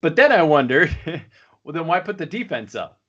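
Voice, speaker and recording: Very animated and a little high-pitched, a man co-hosts a podcast at a moderate pace, his tone fairly bright. He rambles casually, with lots of fillers and restarts, and the sound is lo-fi.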